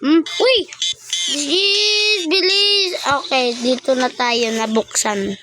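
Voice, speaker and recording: A Filipino gaming vlogger gives casual playthrough commentary in a high-sitting voice at a slow pace, with music in the background. The delivery is chatty and exclamatory, speaking straight to viewers.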